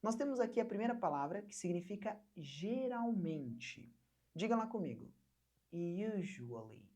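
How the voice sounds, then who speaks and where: A young woman from Brazil teaching an online English lesson, patiently repeating words slowly for learners to copy. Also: medium pitch, animated, darkish tone.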